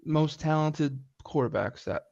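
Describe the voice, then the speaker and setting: A young man on a sports betting show pushes back sarcastically and cuts in often. His voice is a bit high, with a gravelly edge. The recording is dry and lo-fi, with the top end dulled. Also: measured pace, darkish tone, no echo. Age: young adult. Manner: combative, sarcastic, interrupting. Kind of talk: casual sports debate. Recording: dull lo-fi mic.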